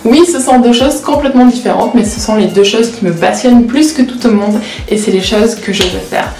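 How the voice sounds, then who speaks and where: Her voice is on the high side and a little mellow, and she speaks fairly quickly. The speaker is a 19-year-old vlogger and law student whose first language is Portuguese, chatting openly in a casual confessional vlog with self-mockery and frequent hesitation. Soft background music and roomy echo are present.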